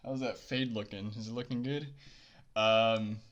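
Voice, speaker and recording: A man's voice: lowish voice, fairly even intonation, a little slow, a bit bright, muffled recording. A young man vlogging casually about his poker bankroll, rambling with many fillers and a little out of breath after a workout. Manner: rambling, filler-heavy, laid-back. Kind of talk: casual chat to camera.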